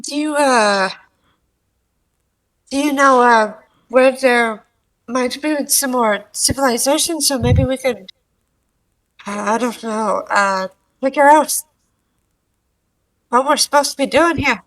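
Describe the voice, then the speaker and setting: A woman playing her character in a tabletop game, hesitant and polite, with many pauses and "uh"s. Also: high voice, fairly bright tone, rough recording. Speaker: player. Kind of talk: in-character tabletop role-play.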